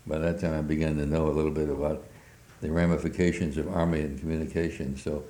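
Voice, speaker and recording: An older man recalling his wartime past in an oral history interview, speaking haltingly with many fillers. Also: very deep voice, level tone, dark tone. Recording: roomy echo.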